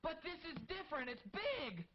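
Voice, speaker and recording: An actor playing an excitable man pitching a get-rich scheme to his sleepy partner, animated and eager, on a dull 1960s film soundtrack. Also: normal speed, full character voice. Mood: excited. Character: excitable male hustler dreaming of riches.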